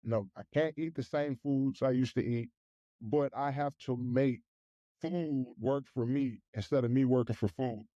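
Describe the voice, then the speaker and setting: A man's voice: mid-range voice, unhurried, warm tone, dry recording, dull audio. A man talking casually and candidly as a podcast guest, blunt and plain-spoken.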